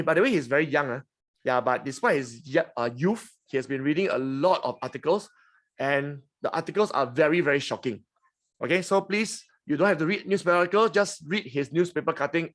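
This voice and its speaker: A man in his forties with a Singaporean English accent, hosting a finance webinar in a chatty, teasing way. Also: on the high side. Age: 40s. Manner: chatty, teasing, frequent "okay?" and "huh?". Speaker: webinar host. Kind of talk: lively finance webinar talk.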